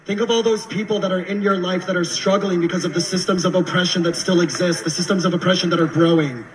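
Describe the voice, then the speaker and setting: A man's voice: high voice, fairly even intonation, fast talker. A man in his twenties giving a public speech to a rally crowd in a raised, exhorting voice. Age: 20s. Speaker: speaker at a rally. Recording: echoey distant rally recording.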